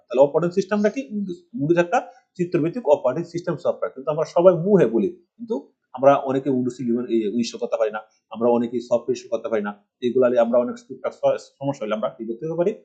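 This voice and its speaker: Recorded in a village home, this screen-captured computer tutorial features a middle-aged instructor from Bangladesh who rambles and keeps asking rhetorical questions. He has a fairly high, dark, husky voice, and the audio's high frequencies are cut off.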